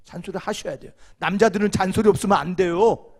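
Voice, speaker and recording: A man with a high voice delivers a church sermon and keeps throwing questions back to his congregation. His tone is playful. He jumps from emphatic bursts to hushed, almost whispered asides. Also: quick pace. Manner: call-and-response questions to the congregation. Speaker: senior pastor. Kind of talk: sermon at a marriage seminar. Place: church sanctuary.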